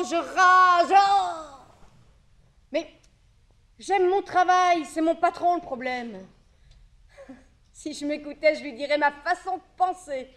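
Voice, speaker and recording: A fed-up office worker venting about her job in colorful, exasperated bursts. Her voice sits high. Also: a bit bright. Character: fed-up woman office worker who hates her boss. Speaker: stage actor. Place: theatre stage.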